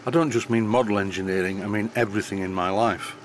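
An older man with a softened northern English accent, narrating an unscripted workshop tutorial voice-over in a relaxed way with a slight stutter, into a high-end studio microphone. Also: fast talker, a little hiss or hum. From northern England. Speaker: model engineering tutor.

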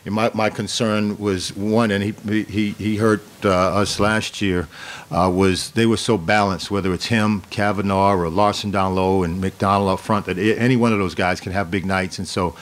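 A middle-aged man, a head basketball coach, answering questions at a post-game press conference in a measured way, often repeating words as he restarts, speaking into a desk microphone. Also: on the low side, little pitch movement. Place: press room in front of a sponsor backdrop. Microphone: desk microphone on a stand.

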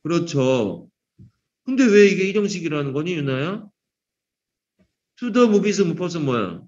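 A man with a fairly high voice teaches an English grammar class in a classroom, calling on students by name and slipping in teasing jokes. The sound is dull and lo-fi. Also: sing-song, a little slow, darkish tone. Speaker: English teacher at a cram school.

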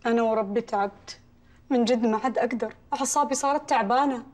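A woman plays a weary, pleading mother. Her high voice moves quickly. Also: lightly acted. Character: worn-out mother worried about her daughter. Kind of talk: TV drama acting.

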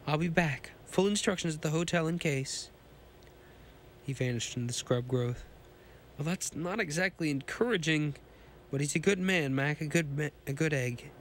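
A podcast host with a cold reads a pulp sci-fi story in a hoarse male voice, frequently stumbling and starting lines over. His tone is slightly high and fairly bright, with a bit of background noise.

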